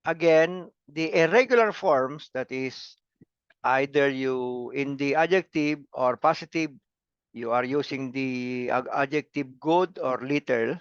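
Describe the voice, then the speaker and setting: Slow, clear-voiced male grammar teacher. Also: mid-range voice, no echo, dull audio. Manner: repeats words and syllables, asks "come again". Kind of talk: slow classroom lecture.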